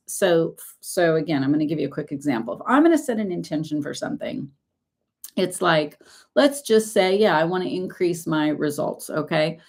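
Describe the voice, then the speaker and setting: A woman's voice: fairly low pitch, vocal fry, a little mellow. A woman success coach giving an earnest, emphatic motivational talk to camera.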